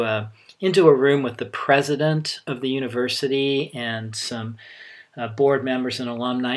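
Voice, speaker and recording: A middle-aged man giving a sermon as a pastor, speaking conversationally with frequent halting pauses. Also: mid-range voice.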